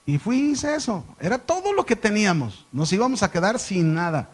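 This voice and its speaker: A man's voice: high voice, very animated, a little fast. A middle-aged man, a pastor teaching a sermon and telling stories with questions to the congregation.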